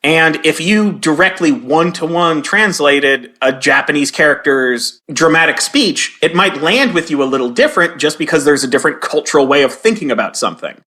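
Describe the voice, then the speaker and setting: Man, 40s, bright tone, somewhat high voice, animated interview storyteller. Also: normal speed, hardly any pauses. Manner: animated, acts out quoted lines in a raised voice. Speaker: guest, game localizer and comedy writer.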